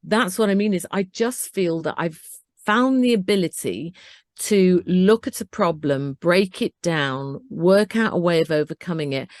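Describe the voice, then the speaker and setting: A woman's voice: lowish voice, no echo, clean studio sound. Earnest older woman telling her story. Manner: earnest, animated storytelling with acted-out self-talk. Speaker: interview guest. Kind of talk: conversational interview.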